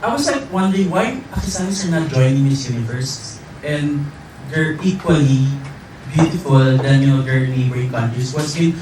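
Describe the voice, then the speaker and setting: A man's voice: mid-range voice, lively intonation, moderate pace. A man from the Philippines, speaking earnestly at a press conference and leaning on "actually" and "you know". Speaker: pageant franchise holder. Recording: echoey hall, distant mic, crowd noise.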